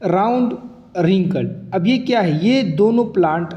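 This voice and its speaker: A man with a high, lively voice teaches a biology lesson at a measured pace despite a sore throat and a cough. He explains step by step, posing questions to himself along the way. The lecture sounds muffled and echoey, with long reverb.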